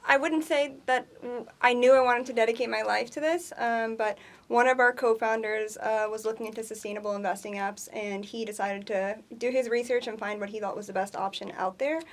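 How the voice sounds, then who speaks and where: A woman's voice: a little high, fairly even intonation, fairly quick, hardly any pauses. A woman who is a company co-founder, explaining things in an upbeat way during an interview, with many ums. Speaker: co-founder guest. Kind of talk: conversational interview.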